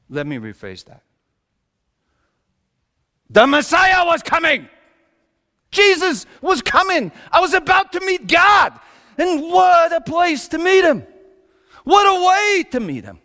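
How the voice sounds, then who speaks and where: Playing a theatrical Joseph, a storyteller preaches in character, delivering a comic dramatic monologue to a congregation. His mid-range voice swoops wildly, swinging from hushed asides to shouted exclamations, anguished and rueful. The hall is reverberant.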